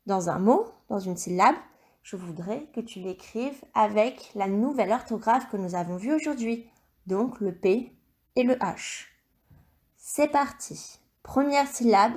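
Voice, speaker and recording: A woman teacher recording a video lesson for young children, dictating words slowly and clearly and encouraging the child. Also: fairly high pitch, a little mellow. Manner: slow, clear dictation with stretched syllables; encouraging, addresses the child directly. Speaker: primary school teacher.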